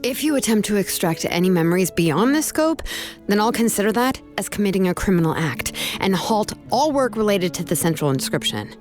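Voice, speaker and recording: Woman playing assured young craftswoman, medium pitch, lively intonation, practical, kind, game dialogue, faint music. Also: brisk, natural voice. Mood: firm. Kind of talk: video game voice acting.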